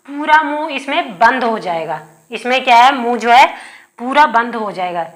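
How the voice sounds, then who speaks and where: Her voice sits high with a fairly bright tone as she teaches Hindi grammar for an exam. Between dictated notes she quizzes the class, supplies the answers herself, and repeats important terms rhetorically.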